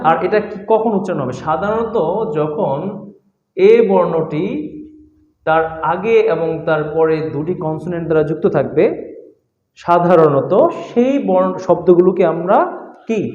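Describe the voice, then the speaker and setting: A man's voice: fairly high pitch, a little mellow. A man teaching a phonics lesson, patiently spelling out letters and repeating example words. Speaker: English teacher. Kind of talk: classroom-style phonics lesson. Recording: echoey room with long reverb, dull sound.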